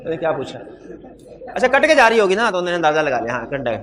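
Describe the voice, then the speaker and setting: A man teaching law in a hybrid classroom. He has a sore throat, speaks loudly into a microphone, and keeps putting questions to his students. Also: on the high side, sing-song, fast. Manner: quizzes students with repeated questions. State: throat trouble, talking loudly. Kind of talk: classroom lecture.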